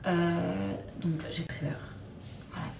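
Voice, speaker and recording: A woman's voice: fairly low pitch, flat delivery, slow, gravelly. Chatty young woman, echoey noisy recording. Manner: chatty and confiding, drops to soft near-whispered asides. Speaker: lifestyle vlogger. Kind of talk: casual confiding vlog chat. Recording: echoey with loud background ambience.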